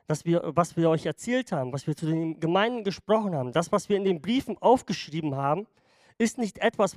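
A man's voice: sits high, no echo, studio quality. A man preaching a sermon to his congregation in a conversational way, often checking in with them. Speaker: pastor.

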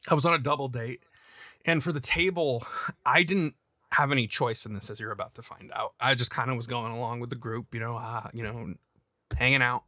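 A young man co-hosting a casual podcast, his voice bright and pushing forward. He rambles through anecdotes, doubling back on his words and laughing as he goes. The sound is close and dry, with no room around it. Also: mid-range voice, brisk, dry recording. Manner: rambling, laughing storyteller with many restarts. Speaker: podcast co-host. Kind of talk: casual chat.

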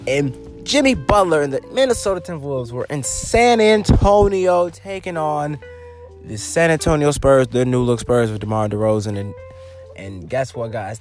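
A man's voice: mid-range voice, darkish tone. A man hosting his own podcast, rambling casually through sports talk with loose, profane wording, fillers and restarts. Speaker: podcast host.

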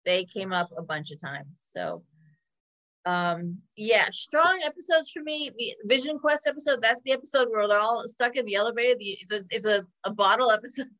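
A woman's voice: medium pitch, a bit bright. A woman co-hosting a podcast, running through a list in casual chat with fillers. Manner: quick list-reading with fillers. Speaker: podcast co-host.

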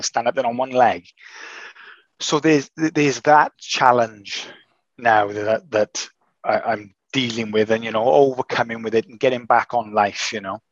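A man recovering from an illness, talking in casual chat as a podcast host, halting and restarting often. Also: medium pitch, no room sound, muffled recording. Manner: hesitant, halting with many restarts.

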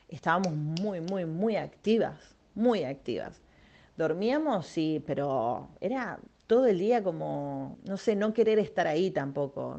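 A woman's voice: low-pitched, a little mellow, highs cut off. A young woman with an Argentine accent, telling a personal story in a chatty, self-mocking way, full of fillers, as a podcast host. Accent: Argentine Spanish. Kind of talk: casual monologue.

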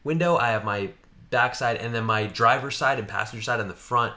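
Young male podcast host from Washington state, bright, clear tone, loose and profane storyteller. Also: medium pitch, fairly quick. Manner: rambling, profane, acts out both sides of his story. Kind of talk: casual storytelling chat.

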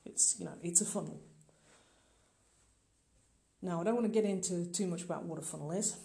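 Mellow and mid-range with some vocal fry, this middle-aged podcaster and online marketing business owner speaks a little fast. His informal solo monologue is direct, earnest and emphatic toward the listener.

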